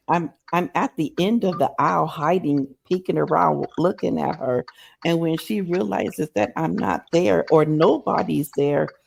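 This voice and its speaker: A woman hosts a casual talk show, and her voice has a gravelly, creaky edge. She retells stories vividly, jumping into the voices of the people in them. Faint noise sits under the recording. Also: deep voice. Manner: lively retelling, acts out quoted people, many yeps. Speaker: host. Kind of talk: casual chat.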